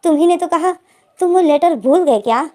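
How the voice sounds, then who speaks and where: Woman doing a withdrawn young man in a storybook retelling, high and mellow, firm and distant; light acting. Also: lively intonation, moderate pace. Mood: cold, firm. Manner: firm, pushing away.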